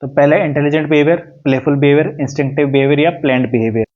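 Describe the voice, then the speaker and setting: A man teaching exam preparation, reading English questions slowly and explaining each answer step by step. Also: fairly high pitch, steady tone, muffled recording. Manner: reads English questions slowly, explains in Hindi with "ठीक है" and "देखो".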